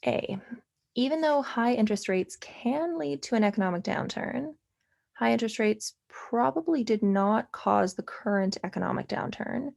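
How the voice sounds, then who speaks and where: A woman's voice: a little high, expressive, normal speed, gravelly, darkish tone. A young woman tutoring through test logic questions, thinking aloud with many fillers and a dry, sarcastic aside now and then. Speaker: LSAT tutor.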